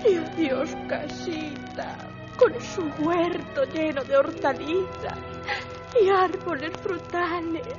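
A woman's voice: high voice, very animated, takes it slowly, heavily acted. A woman voicing a dreamy, weepy young milkmaid girl in a children's radio play, wailing in self-pity. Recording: dull radio sound with music.

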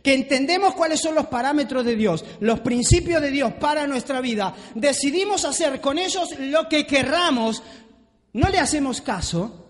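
A man's voice: very high-pitched, expressive, normal speed. A man preaching a sermon to a congregation in a church hall, driving his points home with repeated rhetorical questions. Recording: long reverb of a large hall.

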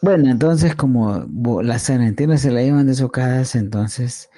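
A man with a Central American accent hosting a podcast, teasing in slow, emphatic, repetitive casual chat. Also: mid-range voice, warm tone, no echo. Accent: Central American Spanish. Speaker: podcast host.

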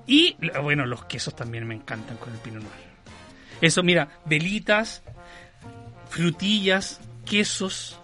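A Chilean man co-hosting a loose, casual chat. His voice sits high and sounds bright and lively, with wide swings in pitch. Faint music plays behind him. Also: measured pace. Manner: animated, laughs often. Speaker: co-host.

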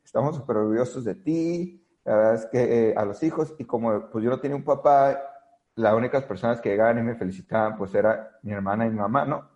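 A man with a Mexican Spanish accent tells his story as a podcast guest, earnestly and hesitantly, with many fillers. His medium-pitched voice is quick and a little mellow. The reverberant recording has dull lo-fi audio.

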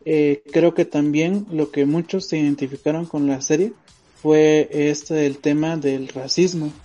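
Man, podcast co-host, warm mellow tone, muffled lo-fi sound. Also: fairly high pitch, fairly even intonation. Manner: thoughtful, pauses with fillers, tags "¿va?". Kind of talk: casual opinion chat. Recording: dull lo-fi audio with faint music.

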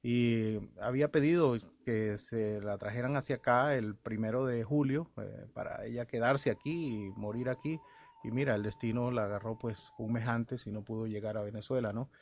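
A man from El Salvador, a guest musician and researcher, talks in a radio interview, pausing often with fillers and restarts. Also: mid-range voice, a little mellow. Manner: halting, with many fillers and restarts. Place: radio studio. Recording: dull lo-fi radio broadcast.

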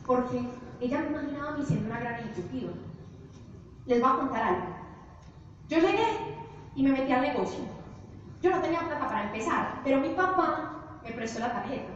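A young woman gives an animated motivational business talk in a high voice. She is picked up from well off the mic in a large hall. The sound is dull, with a long, echoing reverb. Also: fairly quick, long pauses, slight background noise. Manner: animated storytelling to an audience. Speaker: business presenter. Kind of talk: motivational presentation. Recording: echoey hall, distant, dull.

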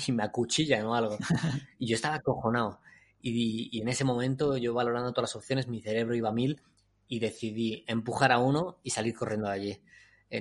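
A man, casually telling a travel story on a podcast and laughing as he goes. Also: medium pitch. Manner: animated, laughs while telling. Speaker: podcast co-host.

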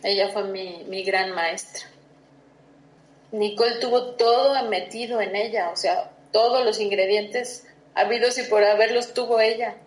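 A woman's voice: medium pitch, steady tone, a little slow. A middle-aged woman gives personal testimony in an interview, talking earnestly and reflectively with many restarts and fillers. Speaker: interview guest. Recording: roomy echo.

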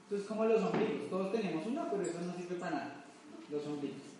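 Colombian man, motivational speaker, folksy, rhetorical questions, high voice, roomy distant hall sound. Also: fast talker, background noise. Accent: Colombian Spanish. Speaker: motivational speaker at a business event. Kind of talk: motivational talk to a live audience. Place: large echoey event hall. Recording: echoey hall from far off.

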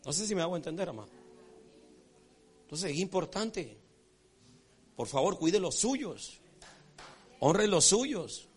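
A man preaching a sermon as pastor, folksy and animated, acting out characters and checking in with his congregation. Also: sits high, slow, long pauses, husky, soft background music. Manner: repeats rhetorical check-ins with the congregation.

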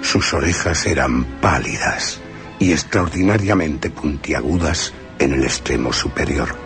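A very deep, measured male voice belongs to a young adult actor playing a young solicitor who narrates his frightening journey in first person. The radio drama telling is tense and fearful, set against music.

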